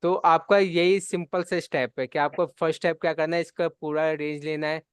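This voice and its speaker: A man's voice: fairly high pitch, level tone, fairly quick, clear, resonant tone, no room sound, studio quality. A man teaching a live spreadsheet class, explaining steps patiently and checking in often. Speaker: computer class instructor. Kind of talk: live online spreadsheet lesson.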